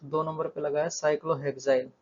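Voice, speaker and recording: Male tutor, slightly high voice, patient board-side explainer, dull recording. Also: fairly quick. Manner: steady, repeats terms, counts aloud. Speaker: chemistry tutor. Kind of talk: whiteboard lesson explanation.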